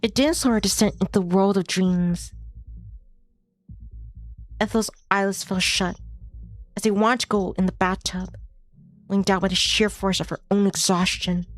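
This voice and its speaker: Her mid-range voice stays steady at a measured pace, with frequent pauses, as this woman streamer reads a visual novel aloud as story narration. Occasionally she stumbles over a word and rereads it, while music plays behind her.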